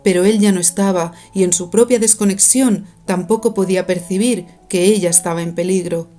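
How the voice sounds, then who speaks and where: Woman audiobook narrator, mellow dark tone, soft music underneath. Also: on the low side, fairly even intonation, a little fast. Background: faint music.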